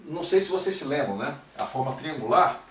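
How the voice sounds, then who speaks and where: A man's voice: a little high, animated, fairly quick, a bit bright, a little hiss or hum. Man explaining matrix steps, echoey room. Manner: explains step by step, checking in with "né?" and "ok?". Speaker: math teacher. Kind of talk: recorded classroom-style lecture. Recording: echoey room, mic at a distance.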